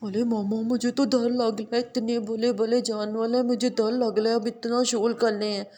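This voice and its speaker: Lisping toddler doll, baby talk, high voice, timid, woman voicing her, doll story. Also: flat delivery, normal speed, dark tone, close to an everyday voice. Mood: scared.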